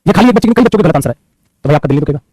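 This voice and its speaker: A young male teacher runs an online grammar class, stern one moment and patiently explaining the next. His voice sits high and he talks very fast. It is slightly husky and sounds dry and close, with little room echo. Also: expressive, dark tone. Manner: scolding then patient explaining. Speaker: English teacher.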